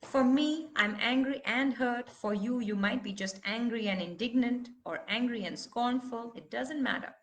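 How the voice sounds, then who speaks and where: A woman's voice: a little high, moderate pace, hardly any pauses. A woman leading a live online voice workshop, talking students through feelings and breaking into emotive vocal sounds. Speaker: voice teacher.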